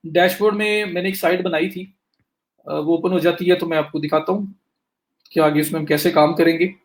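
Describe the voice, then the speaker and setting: Fast-talking man teaching a screen-share lesson. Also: fairly high pitch, steady tone. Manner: talks students through clicks step by step, addresses them directly; says he is talking fast to cover more. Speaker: digital marketing instructor. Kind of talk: live screen-share lecture.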